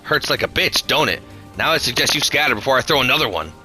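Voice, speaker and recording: A man's voice: on the low side, fairly quick, sharp tone, faint music behind. A man voicing a fierce, tough old grandmother who speaks bluntly in coarse rural speech. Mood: threatening.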